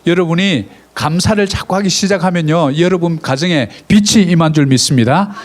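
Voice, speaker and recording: With a voice that's a little high and a brisk pace, a middle-aged man preaches at a church service. His sermon is animated, marked by rising exclamations and direct prompts to the congregation.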